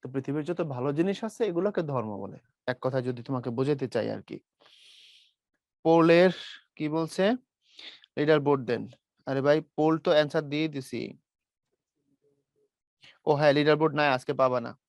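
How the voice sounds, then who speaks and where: A man's voice: a little high, normal speed, pauses often, darkish tone, no echo, studio quality. A man teaching an online class in a chatty way, asking questions and answering them himself. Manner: chatty, acts out comic quotes, asks and answers own questions.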